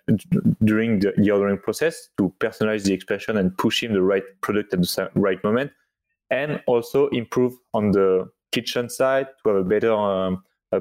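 A man answering interview questions as an expert guest, explaining step by step with halting, non-native phrasing. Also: on the low side, a little mellow. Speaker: podcast guest, company product executive.

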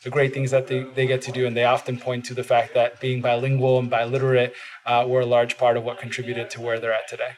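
This bilingual education advocate, a native Spanish speaker, talks earnestly and quickly in a monotone, darkish voice of medium pitch. As a guest in a studio podcast, he keeps the interview casual and fills it with frequent "uh"s.

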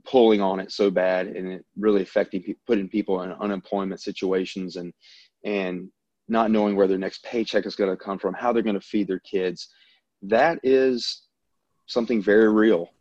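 Upbeat airline pilot, low voice. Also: male voice, fairly even intonation, moderate pace, a little mellow, no room sound, dull audio. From Louisiana, US South. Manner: easygoing, upbeat, chatty. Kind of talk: casual interview chat.

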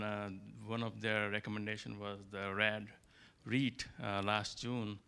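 A man introducing himself to an investor group politely and in a measured way. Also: lowish voice, pushed and bright, clear, resonant tone. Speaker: new investor club member.

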